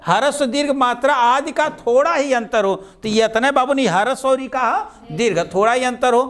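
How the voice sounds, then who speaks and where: A male teacher giving a classroom lesson with a slight tinge, speaking patiently and repeating words slowly for his students. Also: very high voice, a bit bright. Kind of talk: classroom lecture.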